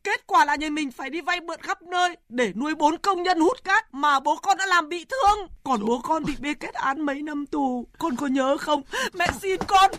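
A woman's voice: high-pitched, normal speed, hardly any pauses, fairly bright tone, no room sound. An actress playing an anxious rural mother who pleads with her grown son in a radio drama. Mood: pleading. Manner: pleading, emotional.

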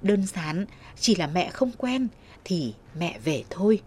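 A woman voicing an old village grandmother, gentle but firm, in a slow, measured storybook reading. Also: fairly low pitch, sing-song, a little hiss or hum. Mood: gentle, earnest.

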